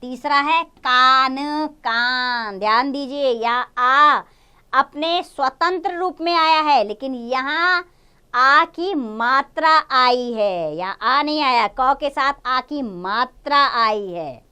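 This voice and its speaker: A young woman teaching a Hindi lesson to small children. She draws out each word slowly, repeats it, and coaxes them with questions. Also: sits high, expressive, bright, forceful tone, smooth. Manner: drawn-out syllables when modelling words, repeats each word twice. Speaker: primary school Hindi teacher.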